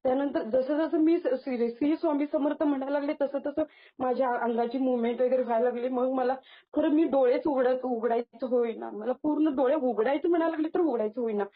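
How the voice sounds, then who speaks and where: A young adult woman, a guest, tells a personal devotional experience in casual speech, halting often with false starts and restarts. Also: sits high. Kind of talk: casual spoken testimony. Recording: tinny phone-line sound.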